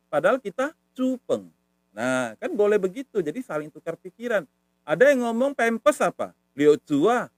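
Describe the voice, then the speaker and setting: A man from Medan teaches in a casual, patient way and says words over and over to show their tones. His voice sits a little high and swings widely in pitch. The sound is dry and close, with no room echo. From Medan, Indonesia. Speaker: language teacher. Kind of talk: casual online lesson.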